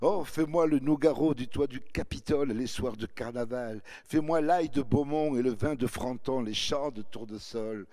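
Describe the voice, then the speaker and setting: A man's voice: fairly high pitch, measured pace, natural voice. A man voicing an eager young woman who gushes and pleads to hear about a sunny southern city, in a breathless, effusive manner. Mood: pleading, effusive.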